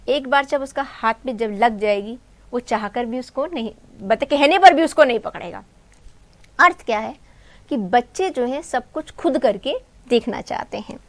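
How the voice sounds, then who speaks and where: A woman teacher who retells a textbook story for students, asking questions and answering them herself. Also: high-pitched. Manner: calls students "beta" and "bhai". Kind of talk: explaining a textbook story in Hindi.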